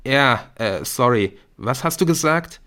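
A man voicing a weary, irritable teenage schoolboy in an audiobook, a little louder than his narration. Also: mid-range voice, animated, a little slow, voice pushed up. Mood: flustered. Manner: curt, flustered.

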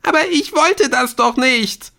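A man reading an audiobook, voicing a frightened teenage girl who pleads in a high, shaky voice. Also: slow pace, gravelly, fairly bright tone, heavily acted. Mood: panicked.

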